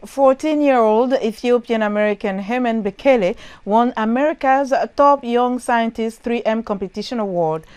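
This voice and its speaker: A woman presenting a news health program, clear and steady. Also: on the high side, moderate pace, few pauses, soft background music. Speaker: news host.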